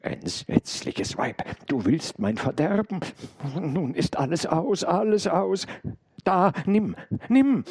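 A man's voice: sits high, animated, slow pace, creaky, a little mellow, slightly rough, no room sound, pitched above the performer's own voice, full character voice. A man putting on a wild desperate intruder. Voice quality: wild, pleading. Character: fierce desperate armed male intruder.

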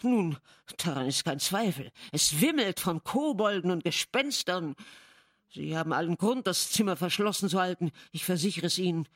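A woman voicing a nervous, wordy gentleman guest who speaks in an agitated, hurried way. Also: fairly low pitch, animated, no room sound, studio quality.

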